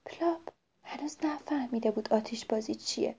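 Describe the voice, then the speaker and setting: A woman's voice: fairly high pitch, creaky, a little hiss or hum. A woman narrating a children's story, often turning to speak to the children directly. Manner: lively, addresses the children directly. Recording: dull lo-fi recording.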